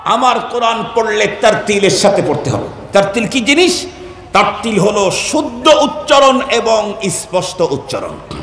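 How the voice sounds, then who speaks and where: A man preaching a fiery sermon, his high voice swinging wildly in pitch as he throws questions at the crowd and breaks into shouts. The sound echoes around him, with a faint noise underneath. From Bangladesh. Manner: rhetorical questions to the audience, bursts into shouts.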